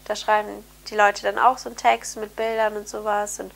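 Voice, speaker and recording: Brisk and level-toned, a young woman's mid-range voice comes through nasal and a little hoarse from a cold, with occasional throat clearing. The vlogger, an au pair, keeps up an upbeat, filler-heavy casual chat to camera from her bright bedroom, recorded on a closely framed camera mic.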